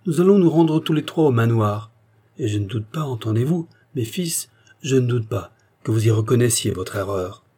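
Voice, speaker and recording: A man's voice: mid-range voice, normal speed, dark tone, breathy edge, close to an everyday voice. A man voicing an old male Dominican hermit priest with a solemn, fatherly preaching manner. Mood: fervent.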